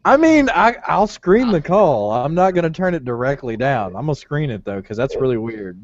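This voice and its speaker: A man's voice: mid-range voice, very animated, normal speed, no echo, muffled recording. A man playing in a tabletop game who chats casually and thinks aloud. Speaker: player.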